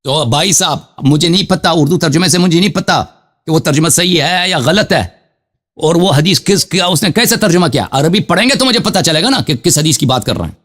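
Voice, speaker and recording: A man's voice: on the high side, animated, a bit bright. A male host of a live call-in show who debates a caller, insisting and repeating his demands.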